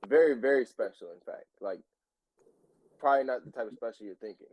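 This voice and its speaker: A man's voice: mid-range voice, brisk, low-quality recording. A young man co-hosting a casual podcast, telling tall tales with a straight face. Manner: playful, tells tall tales deadpan. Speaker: podcast co-host. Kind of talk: casual joking chat.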